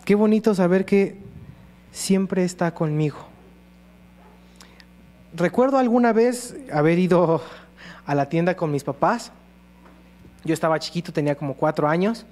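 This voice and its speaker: A man's voice: high-pitched, measured pace, pauses often, darkish tone. A man preaching a sermon, earnestly acting out prayers and quoted voices.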